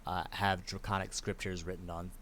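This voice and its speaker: A man narrating as game master in a tabletop game, describing scenes in a relaxed way. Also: sits low, moderate pace, slight background noise.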